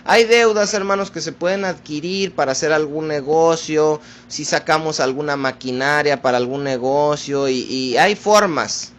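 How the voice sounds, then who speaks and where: A man preaching a sermon, addressing his listeners as brothers in a slow, deliberate teaching manner. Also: fairly high pitch, a bit bright.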